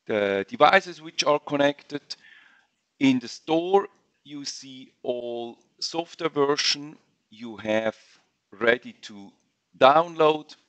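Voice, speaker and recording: A man walking viewers through software in a screen-share webinar, speaking halting English with frequent fillers and restarts. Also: medium pitch, dry recording, dull audio. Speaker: software trainer.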